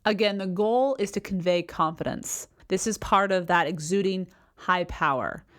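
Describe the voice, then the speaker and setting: A woman hosting a solo advice podcast, talking earnestly and explaining step by step, often repeating key phrases and speeding up when excited. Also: fairly low pitch. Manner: speaks quickly when excited. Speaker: podcast host.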